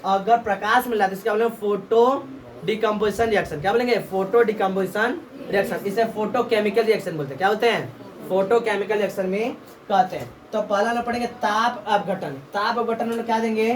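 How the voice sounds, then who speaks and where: A woman with a brisk, mid-range voice teaches a class, rapidly quizzing students and echoing each answer back. She's heard from a distance in a roomy, echoey classroom with faint background noise.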